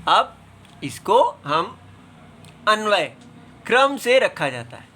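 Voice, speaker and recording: A man teaching scripture at a very unhurried pace, with a slightly high, bright voice. He explains patiently and breaks each word into its syllables, sometimes reciting verses in a slow chant. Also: sing-song.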